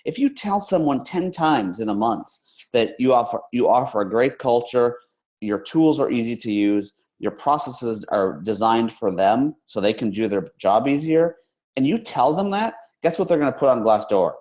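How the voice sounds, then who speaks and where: Energetic man hosting a live webinar. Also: mid-range voice, moderate pace. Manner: energetic, animated, conversational. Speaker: webinar host.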